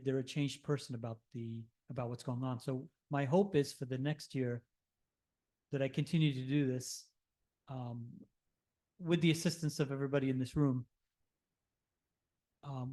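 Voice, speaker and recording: A man's voice: mid-range voice, a little mellow. A man giving an earnest, persuasive talk as guest speaker at a church service, with a few restarts. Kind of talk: speech to a congregation.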